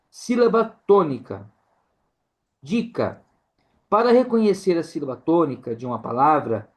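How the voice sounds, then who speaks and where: Slow-talking man teaching, keeps saying "né?". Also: fairly high pitch. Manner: tags nearly every phrase with "né?". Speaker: Portuguese teacher for a church group. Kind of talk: casual online lesson.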